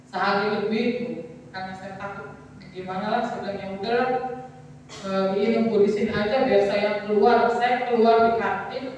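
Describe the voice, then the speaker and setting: A woman's voice: mid-range voice, steady tone, normal speed, a little mellow, dull audio, a little hiss or hum. Young woman, personal testimony, rambling storyteller who acts out quotes; distant, very echoey church hall. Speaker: testimony speaker at a youth service.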